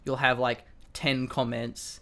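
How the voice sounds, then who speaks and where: A man's voice: medium pitch, little pitch movement, takes it slowly, gravelly, bright, forceful tone. A young man with an Australian accent, co-hosting a casual chat over a webcam, rambling with many restarts and fillers. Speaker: co-host.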